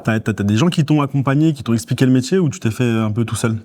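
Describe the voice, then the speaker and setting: A man's voice: mid-range voice, fast, darkish tone. A man hosting a podcast, asking questions in a chatty, informal way with fillers. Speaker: podcast host. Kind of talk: casual interview.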